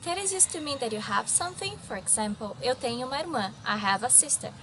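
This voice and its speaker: A woman's voice: high voice, lively intonation, fairly quick, fairly bright tone, a little hiss or hum. A woman, explaining verbs with examples as a language teacher. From Brazil. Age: 20s. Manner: friendly, explanatory, gives examples.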